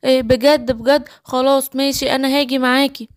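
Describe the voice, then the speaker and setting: A little male lion cub, voiced by a woman, speaks in a high, childlike Egyptian Arabic voice that startles easily. He sounds like a timid cartoon creature from a bedtime storybook. The recording is dry and close. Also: steady tone, quick pace, dry recording, close to an everyday voice. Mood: eager. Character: small scared young male lion cub.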